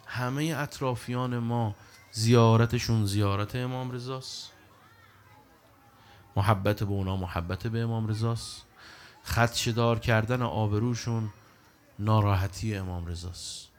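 Animated, emphatic male preacher. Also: on the low side, pauses often. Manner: animated, emphatic, recites Arabic scripture. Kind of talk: sermon.

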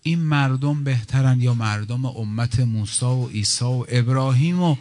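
A man preaching a religious sermon, moving between brisk storytelling and slow, grieving lament. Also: mid-range voice, a little mellow. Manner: swings from fast telling to slow, wailing lament. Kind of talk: sermon with mourning recitation.

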